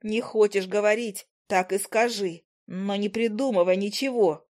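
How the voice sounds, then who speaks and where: A woman's voice: medium pitch, measured pace, a little mellow, lightly acted. A woman voicing a dramatic, fussy female fairy friend who scolds and exclaims theatrically. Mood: scolding.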